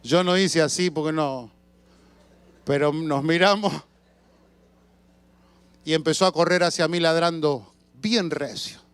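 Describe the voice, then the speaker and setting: A man preaching a sermon as a pastor, telling stories with shouts and sound effects and asking the congregation questions. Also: fairly high pitch, unhurried, pauses often, clear, resonant tone, no room sound. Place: church.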